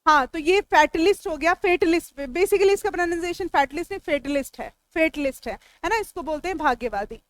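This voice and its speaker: A woman with a high voice and an Indian English accent teaches English vocabulary to a class. She works through each word slowly, splitting it into its parts and turning to the students to ask and answer. Her voice sits close on the mic in a dry room with no echo. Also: animated. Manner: explains word meanings step by step, talks back to students. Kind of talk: classroom lecture.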